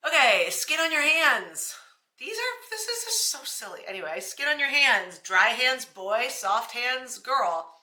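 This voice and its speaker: A woman's voice: sits high, sing-song, measured pace, bright, forceful tone, roomy sound. A young pregnant woman from Canada, chatting casually to camera with a self-deprecating, laughing manner. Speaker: vlogger.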